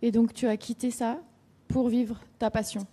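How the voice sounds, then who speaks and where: A woman's voice: a little high, little pitch movement, normal speed, mellow, breathy edge. A woman hosting a stage interview, putting brief questions to her guest. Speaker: interviewer, host.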